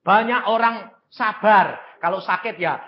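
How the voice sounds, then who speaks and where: A man's voice: sits high, unhurried, muffled recording. An elderly man around eighty with a Javanese accent, preaching a sermon in an emphatic, folksy way and speaking straight to his congregation. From Central Java, Indonesia. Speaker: evangelist preacher.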